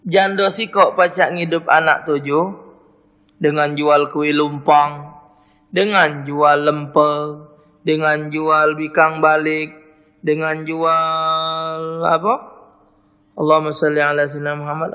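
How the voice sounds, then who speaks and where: A man's voice: fairly high pitch, level tone, slow, long pauses, bright, forceful tone, clean tone, long reverb tail. A man with a Palembang Malay accent, a radio preacher answering listeners' questions and telling folksy stories in local dialect. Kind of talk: radio religious Q&A and storytelling. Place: radio studio.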